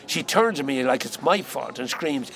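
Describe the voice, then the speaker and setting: An actor playing a cocky, wisecracking male pub piano player, telling his story with lively mimicry. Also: medium pitch, moderate pace, gravelly.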